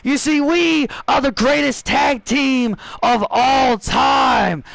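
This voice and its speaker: A cocky, shouting wrestler hurls boasts and insults at the crowd, put on by a man. The voice sits very high and goes up further when he yells. The sound is dry and close. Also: slow, vocal fry, no room sound, full character voice, rough recording. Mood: taunting. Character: brash loud male wrestler cutting a promo.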